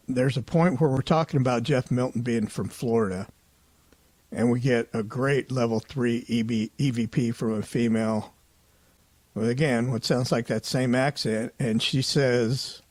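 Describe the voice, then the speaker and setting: A man hosting a paranormal investigation show, giving a casual voice-over recap in a relaxed, conversational way and often hedging his opinions. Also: mid-range voice, dry recording.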